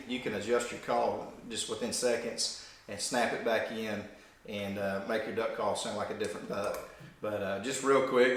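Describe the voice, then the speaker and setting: A man giving an informal, folksy hands-on explanation as a demonstrator of hunting calls. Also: mid-range voice. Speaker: duck call demonstrator. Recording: very echoey room.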